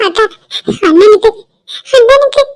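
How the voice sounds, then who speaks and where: A woman voicing a young village boy who runs to bring urgent news, pleading and hurried. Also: very high-pitched, animated. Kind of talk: cartoon voice acting.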